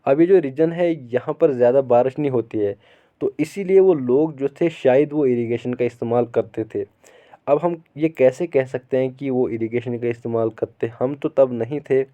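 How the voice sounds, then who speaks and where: A male teacher explains a textbook chapter, reading each English line slowly before going over it again in his own words. His voice sits at a middle pitch for a man. The sound is narrow and tinny, like a phone line. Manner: reads English sentences slowly, explains at length with repetition.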